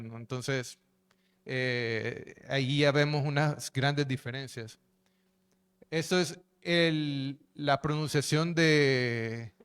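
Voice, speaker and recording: Man lecturing, smooth clear voice. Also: medium pitch, a bit bright. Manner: explanatory, with frequent fillers and tag questions. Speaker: linguist and researcher giving a talk. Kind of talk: public lecture with slides.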